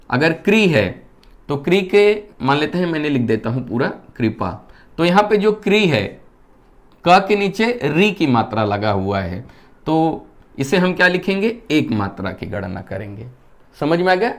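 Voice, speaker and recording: A male Hindi teacher giving a classroom-style lesson. He asks the class questions, answers them himself in a lower voice, and keeps checking that they understand. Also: very animated, measured pace. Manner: keeps checking whether students have understood.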